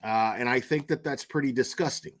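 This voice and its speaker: Speaking briskly at medium pitch, this commentary vlogger delivers emphatic, spontaneous opinions online. He repeats words to drive points home and often asks "okay?" or "right?" to check with his audience.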